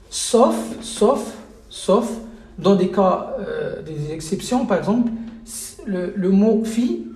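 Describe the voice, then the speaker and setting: A man's voice: sits high, mellow, echoey room. A man teaching a live online lesson as an Arabic teacher, hesitant with many fillers and repeated checks that listeners follow.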